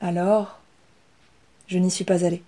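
A woman voicing Inès, a young female rat who speaks calmly and with assurance. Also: mid-range voice, normal speed, lightly acted. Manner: calm, steady.

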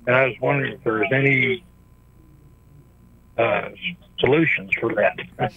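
A man calling in to a radio show over the phone, asking his question in a halting way with many pauses and restarts. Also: mid-range voice, steady tone, slightly rough, no echo. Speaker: caller. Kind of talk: call-in question to a radio doctor. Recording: tinny phone line, dry.

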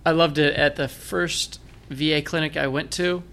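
His voice runs on the high side, fairly bright and creaky, with a steady tone and a normal pace. The speaker is a blind military veteran from Michigan with a Northern Michigan accent, appearing as a guest and telling his story in a chatty interview where he jokes about himself.

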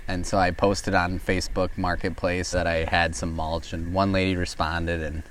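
A man's voice: sits low, level tone, normal speed, a bit bright, slight background noise. Easygoing man telling a rambling story. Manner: rambling, full of "like" and "you know". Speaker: fishing guest who runs a tree service. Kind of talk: casual storytelling.

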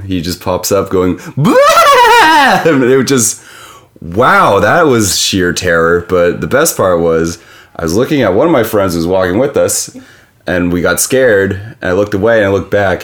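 Deep-voiced man telling a hesitant anecdote. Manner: hesitant, stammering restarts. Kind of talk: casual anecdote.

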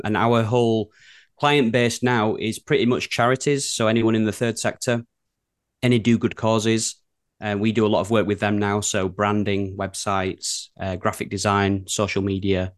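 A man's voice: fairly low pitch, little pitch movement, normal speed. A man with a broad Yorkshire accent from northern England, chatting casually as an interview guest. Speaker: guest, creative director and studio co-founder.

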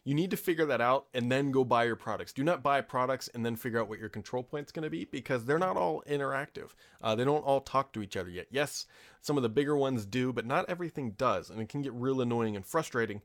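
A man in his thirties hosts a casual solo tech podcast from his home office, talking fast in a mid-range voice. He's strongly opinionated, and his chat is full of ums and asides.

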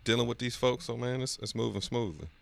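A man's voice: medium pitch, quick pace, vocal fry, fairly bright tone, no echo. A man chatting casually as a podcast guest in a slangy, informal way. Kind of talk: casual chat.

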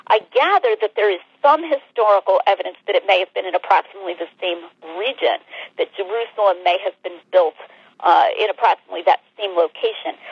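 A woman author speaking over the phone, explaining carefully in a measured way, with frequent hesitations. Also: mid-range voice, breathy edge, dry recording. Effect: heard over the phone. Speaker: author being interviewed. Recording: dull, narrowband phone-line sound.

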